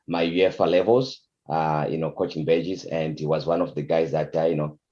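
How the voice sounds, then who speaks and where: A middle-aged Zimbabwean man, a soccer coach, answering interview questions in a halting way with many fillers. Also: extremely low pitch, steady tone, mellow, highs cut off.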